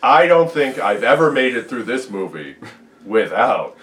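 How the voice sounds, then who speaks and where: A man's voice: medium pitch, sing-song, unhurried, fairly bright tone, recorded from a distance, a little hiss or hum. Rambling man in an echoey room. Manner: rambling, laughing, crude jokes. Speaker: podcast co-host. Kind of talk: casual film chat. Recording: echoey room, a bit off mic.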